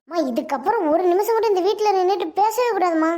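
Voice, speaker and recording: A woman's voice: extremely high pitch, animated, fast, mellow. A woman voicing an angry, bitter aging mother in a cartoon, scolding and accusing. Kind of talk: Tamil cartoon voice acting.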